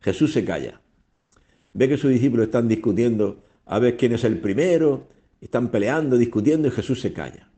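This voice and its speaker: A man's voice: medium pitch, normal speed, mellow. A man preaching a sermon on the radio, emphatic, with repeated phrases and rhetorical questions.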